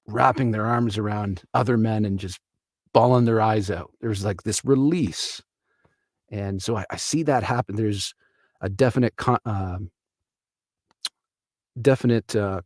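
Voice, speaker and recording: A man's voice: lowish voice, a little mellow, dry recording, clean studio sound. A man from Canada hosting a live stream, talking casually in an earnest, reflective way. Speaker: livestream host.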